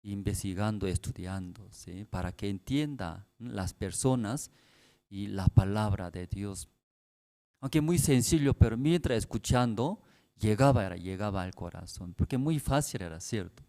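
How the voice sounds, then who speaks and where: The sermon comes from a soft-spoken male pastor whose voice is low and whose delivery is slow. He talks gently to the congregation at the prayer service, using plain, broken Spanish sprinkled with tag questions.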